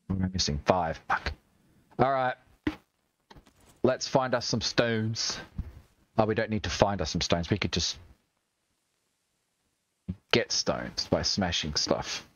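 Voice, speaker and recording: Australian man in lively, swearing game chatter. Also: deep voice, slow, long pauses, lo-fi sound. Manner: chatty, swears and jokes while playing. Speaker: streamer. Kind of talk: gaming livestream commentary.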